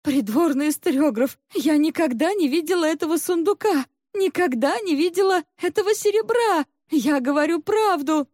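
A woman's voice: high voice, measured pace, warm tone, no room sound, studio quality, voice pushed up. A woman voicing a frightened young palace maidservant who pleads tearfully in a storybook reading. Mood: frightened pleading.

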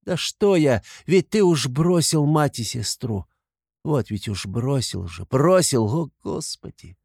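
A man's voice: mid-range voice, lively intonation, a little slow, mellow, no echo, studio quality, voice pushed up. Man voicing a pleading desperate young woman. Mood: anguished. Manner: impassioned, pleading, exclaiming.

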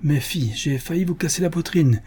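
A man's voice: on the high side, normal speed, dark tone, breathy edge, pitched above the performer's own voice. A man voicing a captured young spy who groans and speaks in a bittersweet tone, in a read-aloud adventure story. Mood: sour. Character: captured young male spy, whining and sour.

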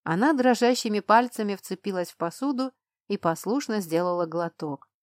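A woman narrating a first-person fantasy audiobook with brisk, expressive storytelling. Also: mid-range voice, dry recording, studio quality.

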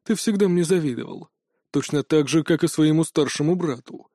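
A man voicing a calm, dismissive ancient male god, low and gruff. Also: moderate pace, dry recording, clean studio sound.

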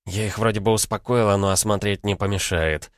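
A man voicing a sharp-tongued young nurse who orders people about and speaks sarcastically. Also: fairly even intonation, brisk, dry recording, clean studio sound, lightly acted. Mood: wry. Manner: shrill, commanding, sarcastic.

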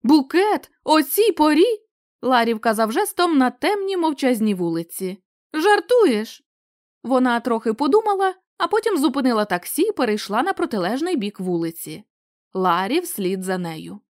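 A woman narrating a short story as an audiobook reader, in an expressive, animated way. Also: on the high side, brisk, no room sound, studio quality.

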